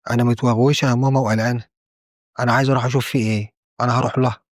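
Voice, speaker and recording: Worried middle-aged Egyptian aunt, quoted by a male storyteller, rushed and anxious. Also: medium pitch, little pitch movement, no room sound, studio quality, close to an everyday voice. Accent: Egyptian Arabic.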